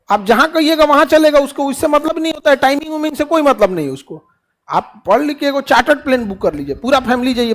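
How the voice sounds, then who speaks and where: A man's voice: very high-pitched, fairly bright tone. A middle-aged man giving a classroom motivational talk to students, full of rhetorical questions and playful mimicked dialogue. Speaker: teacher addressing students.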